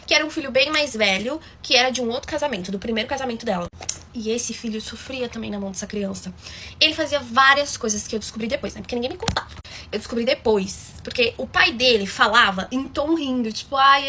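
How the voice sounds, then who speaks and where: A woman's voice: fairly high pitch, bright, forceful tone, a little hiss or hum. A woman telling a story in a chatty, dramatic way, often calling out to her listeners. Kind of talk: casual storytime.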